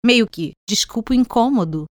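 Lively Brazilian woman podcast teacher. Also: a little high, normal speed, no room sound, clean studio sound. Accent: Brazilian Portuguese. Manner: friendly explaining, playful teasing. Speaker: podcast host and English teacher. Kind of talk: scripted educational podcast dialogue.

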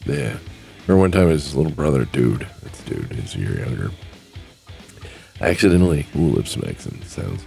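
A man's voice: very deep voice, animated, normal speed, vocal fry, dark tone, soft background music. A man hosting a casual solo podcast, rambling and plainspoken, choking up with grief. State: grieving, choking up. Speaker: podcast host.

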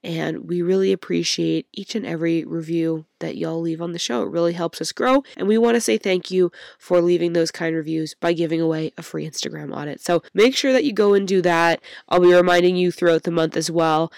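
A woman hosting a solo workshop-style podcast, croaky from a cold and upbeat as she speaks straight to her listeners. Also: fairly low pitch, brisk, few pauses, a little mellow, dry recording, clean studio sound. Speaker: podcast host.

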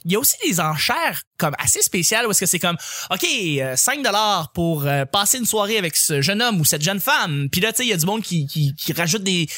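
A man with a Quebec French accent hosts a relaxed chat show with a high, bright voice that swings widely in pitch. He jokes and laughs often and talks fast. The sound is dry and close. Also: no echo. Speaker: podcast host. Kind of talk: casual chat among friends.

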